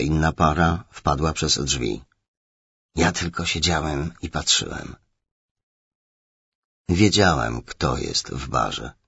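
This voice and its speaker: A man with a very deep, gravelly voice reads a first-person thriller at a measured, low-key pace. His tone is husky, and the recording sounds dry and slightly dull. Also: fairly bright tone, no room sound. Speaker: audiobook narrator.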